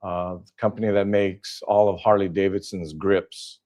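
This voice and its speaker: In a laid-back interview chat, the guest is an older Southern Californian man whose voice sits fairly low. His delivery is halting: lots of "uh" fillers and sentences that stop and start over.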